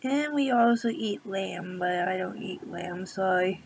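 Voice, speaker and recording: A woman chatting casually to her viewers, giggling often and drifting into soft whispers. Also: medium pitch, slow, creaky, slight background noise, rough recording. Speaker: vlogger. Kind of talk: casual rambling chat to camera.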